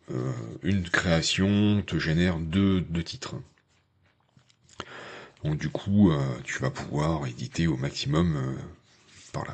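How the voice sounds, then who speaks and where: A man's voice: very deep voice, slightly rough. A man hosting a tech channel, talking the viewer through a tutorial in a chatty, hesitant way with lots of fillers. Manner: addresses viewer informally. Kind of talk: casual screen-share tutorial.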